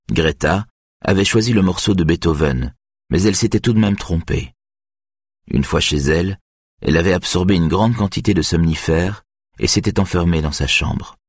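A man narrating a novel in a measured, somber way. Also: sits low, husky, no room sound, clean studio sound. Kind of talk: audiobook narration.

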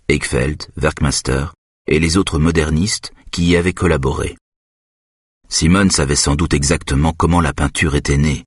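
A man reading a novel in the first person as an audiobook, in a measured, even delivery. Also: extremely low pitch, slightly rough, no room sound, studio quality. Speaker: audiobook narrator.

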